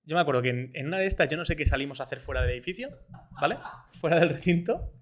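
A young man with a high voice chats fast on a casual podcast. He is an animated storyteller who swears freely and mimics other people's voices in an even higher pitch. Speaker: podcast co-host. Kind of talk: casual chat.

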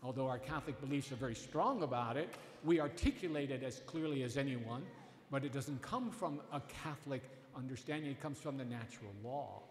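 Speaking a little fast in a mid-range voice, a middle-aged priest gives his Sunday homily at the lectern, earnestly and emphatically, frequently restarting phrases. Long reverb fills the echoey church.

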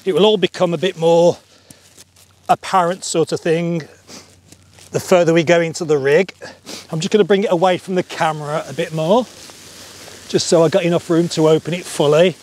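A middle-aged man giving a relaxed paragliding lesson step by step on an open hillside, wearing a clip-on mic. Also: on the high side, moderate pace, long pauses, a little hiss or hum. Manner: relaxed, chatty, explains step by step. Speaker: paragliding instructor. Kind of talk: outdoor tutorial. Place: open grassy hillside outdoors.

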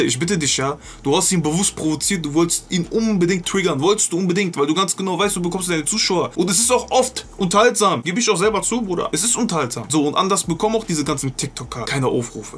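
Fast-talking man in casual reaction commentary. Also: on the high side, fairly bright tone, a little hiss or hum. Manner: rhetorical questions, keeps calling the listener brother; peppers speech with street slang. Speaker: host reacting to a stream clip.

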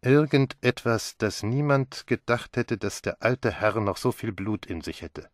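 A man's voice: on the low side, expressive, a little slow, dry recording, studio quality. A man doing a timid police inspector. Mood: explaining. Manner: timid, hushed, respectful. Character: shy, respectful male police inspector.

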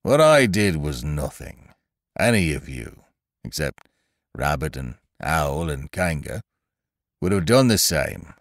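A man's voice: extremely low pitch, sing-song, slow, no echo, studio quality, voice pushed down, exaggerated voice. Eeyore, man acting a ponderous gloomy old donkey. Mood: self-important. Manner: ponderous, doleful, pompous. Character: gloomy, self-important old male donkey.

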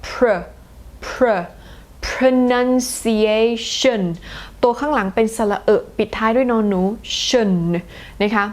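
A young woman teaching English pronunciation in a friendly, chatty way, stretching out example words slowly. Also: a little high. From Thailand. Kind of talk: online lesson explaining phonetics.

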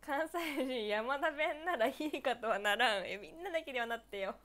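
Giggly young woman from niigata chatting on her stream, high voice bouncing all over. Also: lively intonation, a bit bright. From Niigata, Japan. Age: 20s. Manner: giggly, laughs often between phrases; chatty and playful, quick reactions. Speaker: former idol hosting her own live stream. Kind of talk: casual live-stream chat answering viewer comments.

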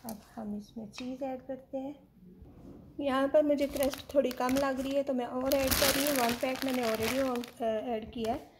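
A woman's voice: high-pitched, steady tone, moderate pace, very noisy. A woman hosting her own home cooking channel, walking viewers through a recipe step by step in a chatty way and slipping English words into her speech.

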